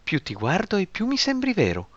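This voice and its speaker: A man reading a story aloud, voicing a stocky, boisterous male drinking buddy who is excitable and teasing. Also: sits high, fairly quick, dry recording, pitched above the performer's own voice, full character voice. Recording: slightly muffled, music behind.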